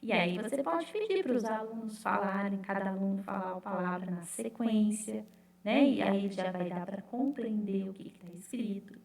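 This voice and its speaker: A woman's voice: medium pitch, creaky, a little mellow, distant mic. Chatty woman teacher in an echoey room. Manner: chatty, repeats "né?" and "gente", sounds out syllables slowly. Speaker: literacy teacher trainer. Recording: echoey room, away from the mic.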